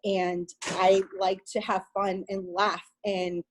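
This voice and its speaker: A woman, a mother, sharing her story as a fitness coach on a video call, rambling in a quick, excitable way. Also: mid-range voice, poor audio. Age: adult mother. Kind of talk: casual emotional testimony.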